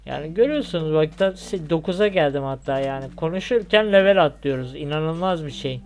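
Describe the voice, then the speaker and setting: Speaking a little fast in an expressive, slightly dark, higher-pitched voice, this young YouTuber from Turkey keeps up joking, chatty commentary over a parkour game, with a Turkish accent. He lets out yelps when he falls, and soft music sits behind him.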